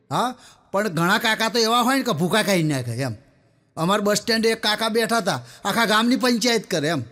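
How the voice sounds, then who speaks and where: A man, pitched high for a man, reels off comic jokes one after another. He tells them in a chatty, storytelling way and keeps turning to speak straight to his listeners. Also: fairly bright tone. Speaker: stand-up comedian. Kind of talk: Gujarati folk joke telling.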